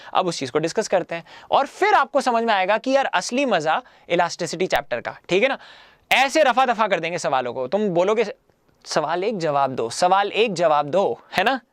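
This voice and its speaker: A man's voice: sits high, dry recording, studio quality. A man teaching a physics lecture in a casual, coaxing way, repeating himself often and mixing in English phrases. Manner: repetitive, coaxing, keeps adding 'है ना'; mixes Hindi with English phrases.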